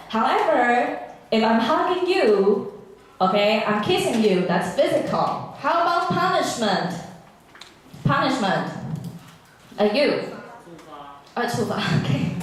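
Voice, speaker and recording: Slow, patient woman teaching English. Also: a little high. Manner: patient, drills with repetition and questions. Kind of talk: classroom English lesson. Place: classroom. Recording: echoey classroom, from far off.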